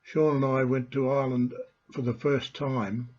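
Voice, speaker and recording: An older man from Australia with a husky voice, presenting an informal heritage talk as host and storyteller in halting, deliberate phrases. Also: medium pitch, flat delivery, a little mellow, lo-fi sound. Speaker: host, family historian and storyteller.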